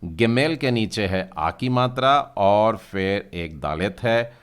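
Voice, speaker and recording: A man's voice: on the low side, lively intonation, slow pace, clear, resonant tone. A man teaching a language class, patiently spelling out letters and sounds one by one and asking his learners to read along. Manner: addresses learners directly, asks them to read. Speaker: Hebrew teacher. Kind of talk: language lesson.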